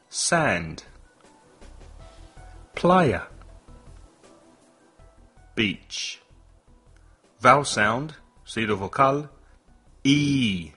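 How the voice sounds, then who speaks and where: A man hosting a bilingual English lesson podcast, leading slow, deliberate vocabulary drills with lots of repetition. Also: medium pitch, pushed and bright, breathy edge. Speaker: English teacher and podcast host.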